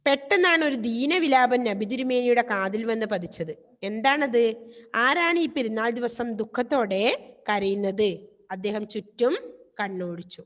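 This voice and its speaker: A woman's voice: a little high, moderate pace. A woman teacher giving an online class. She retells a story, explains word meanings, and keeps checking with the class through tag questions. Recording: long reverb.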